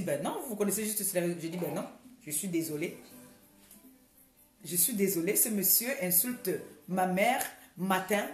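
A woman's voice: fairly low pitch, darkish tone. Emphatic woman vlogging in an echoey room. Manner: emphatic, repetitive, with many hesitations. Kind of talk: casual vlog monologue.

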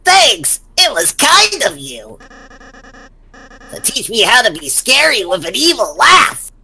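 A woman's voice: fairly high pitch, big pitch swings, slow, sharp tone, slightly rough, heavily acted. A woman voicing a boastful, boyish little game villain with theatrical, unhinged bluster, eager to seem scary. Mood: pleased. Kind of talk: voicing video game dialogue in a let's play.

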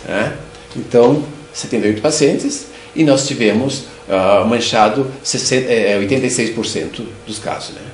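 A man's voice: mid-range voice, normal speed. Older Brazilian man lecturing, roomy echo. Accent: Brazilian Portuguese. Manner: explanatory, repeats words and restarts. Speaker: lecturer, dental surgeon. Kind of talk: recorded clinical lecture. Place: room with bookshelves. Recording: echoey room sound.

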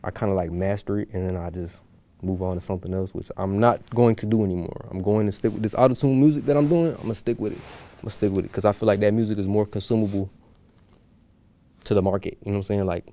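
A man's voice: on the low side, fairly even intonation, fast talker, mellow. A young man from Houston, chatting loosely as a guest musician, with plenty of fillers and restarts. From Houston, USA. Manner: rambling, loose, with many fillers. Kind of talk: casual chat.

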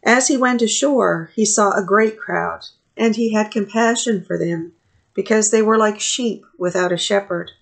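A middle-aged woman priest leading a morning prayer service from a small office, reading scripture and prayers in a measured, steady way into a webcam. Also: mid-range voice, creaky. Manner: measured, steady reading with pauses between phrases. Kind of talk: reading a liturgy aloud. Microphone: webcam at desk distance.

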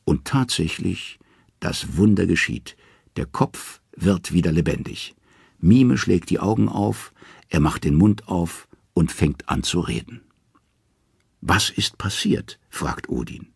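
A man reading a myth audiobook as narrator in a lively, expressive storytelling manner. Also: low-pitched, measured pace, vocal fry, breathy edge, no room sound, clean studio sound. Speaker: audiobook reader.

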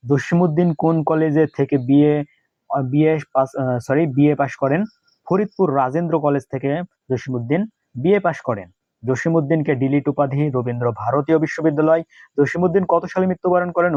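A man's voice: on the high side, darkish tone, no echo, dull audio. Young man tutoring exam questions. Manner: reads questions then answers, repeats key answers. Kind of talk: casual exam-prep lesson.

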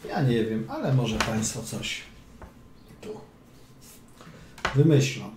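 A man's voice: medium pitch, sing-song, slow pace. A man coaching chess as he plays through a game, chatty and playful, with quips and mutters along the way. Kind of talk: casual game commentary. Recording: roomy echo, faint room hum.

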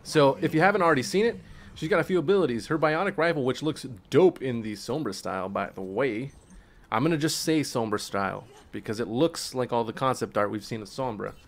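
A man streaming gameplay, commenting casually in slang with swearing, a little tipsy from drinking, and breaking into excited yells during play. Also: mid-range voice, fairly quick. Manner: laid-back, slangy, swears, bursts into excited yelling at play. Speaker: gaming streamer.

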